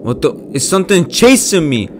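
A young man giving casual let's-play commentary on a horror game, jumpy and swearing, his voice jumping high when scared. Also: sing-song, a little fast, a little hiss or hum. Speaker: gaming YouTuber.

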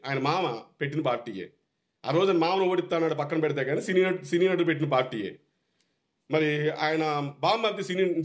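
Fast, heated Telugu man ranting. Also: on the high side. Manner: heated, repetitive, scolding. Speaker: political party supporter. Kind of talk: impassioned political rant.

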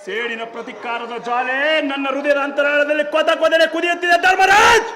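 A man playing a vengeful, grieving young orphan in a village stage drama, declaiming with shouts. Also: very high-pitched, fairly quick. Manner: theatrical, shouted speeches. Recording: roomy stage, loud live music.

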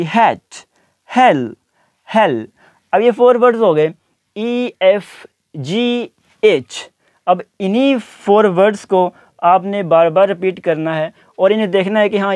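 A man teaching an English lesson, repeating each word slowly and deliberately. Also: sits high, darkish tone, no room sound. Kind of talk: spoken language lesson.

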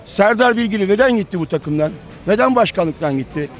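A hoarse man in his fifties, a football fan insistently lecturing other fans in a heated street interview outdoors. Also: high-pitched, lively intonation, fairly quick. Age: 50s. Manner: lecturing, insistent, repeats himself.

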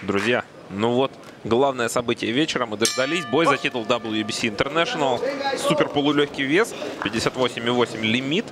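A man's voice: mid-range voice, brisk. A man giving conversational live boxing commentary. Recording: loud crowd behind the voice. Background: arena crowd.

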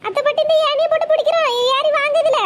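In a cartoon, a woman voices a bossy, bustling young village woman who hollers orders in a very high, level-toned, rapid-fire voice. The mood is urgent and bossy, with slight background noise.

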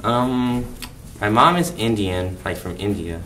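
Low, bright-toned young man, halting. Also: distant mic, a little hiss or hum. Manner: casual, halting.

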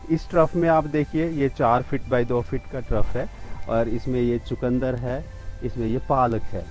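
The audio is poor, with faint music in the background, as a man speaks at normal speed in a medium-pitched, slightly mellow voice with fairly even intonation. In his fifties, he's giving a walking demonstration of a rooftop vegetable garden outdoors, naming each plant plainly and steadily with small restarts.

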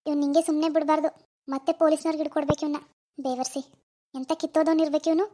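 Give me a woman playing an anxious young cartoon wife from a village, high-pitched. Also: flat delivery, racing, warm tone. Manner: anxious, fretting, talking to herself. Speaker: cartoon narrator voicing all figures.

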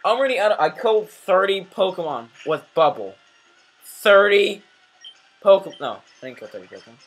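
A man doing casual let's play commentary, rambling and self-deprecating, muttering asides then bursting into sudden shouts at the game. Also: high voice, fast, breathy edge, soft background music. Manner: excitable, swings between mumbling asides and sudden shouts.

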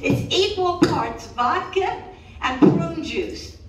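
In a small cat cafe room indoors, an older woman performs live stand-up for an audience in a high, expressive voice. Her material is bawdy and self-deprecating, delivered slowly and punchily with drawn-out pauses. Her handheld mic was picked up by a camera among the audience, so the audio is roomy, echoey, and distant, with some room noise.

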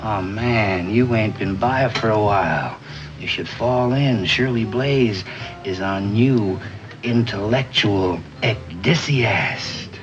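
A middle-aged American actor playing a self-important, laid-back beatnik club owner who jive-talks in rambling hipster slang in a 1950s TV drama. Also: male voice, fairly low pitch, slow pace. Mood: wry, enthusiastic. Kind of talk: 1950s television drama acting. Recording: dull vintage TV soundtrack, music behind.

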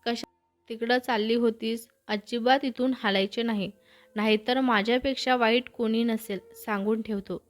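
A woman's voice: on the high side, steady tone, normal speed, soft background music, lightly acted. A woman voicing a stern, protective older brother in a storybook reading, speaking firmly and scolding. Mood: angry. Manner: scolding, firm.

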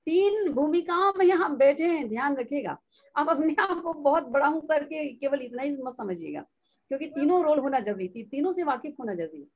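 A middle-aged woman training children's teachers in an online session, explaining slowly and mimicking bad speaking habits. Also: sits high. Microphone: online video call. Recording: dull lo-fi online call audio.

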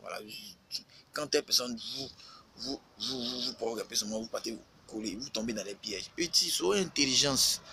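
A man's voice: medium pitch, normal speed, gravelly, over a noisy crowd, poor audio. A man, a rapper talking casually on a live stream, lecturing and scolding with lots of repetition.

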